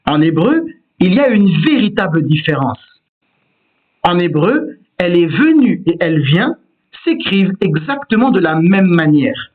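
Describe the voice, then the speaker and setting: A man giving a patient, explanatory lesson on Hebrew word stress, demonstrating each pronunciation himself. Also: high voice. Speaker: Hebrew teacher. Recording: tinny phone-like sound.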